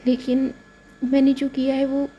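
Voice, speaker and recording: A woman's voice: sits high, monotone, husky, highs cut off. Woman doing a tearful, apologetic young woman. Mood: remorseful. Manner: apologetic, halting.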